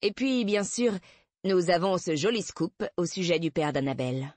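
A woman voicing a brusque, exhausted female police detective, speaking in a sharp, clipped, defensive way. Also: lowish voice, lively intonation, normal speed, no room sound. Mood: thoughtful.

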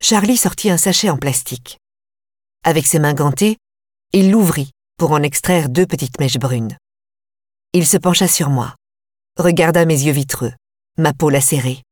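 A woman reading a first-person audiobook in a measured, tense way. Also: low voice, darkish tone, no room sound, studio quality. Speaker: audiobook narrator.

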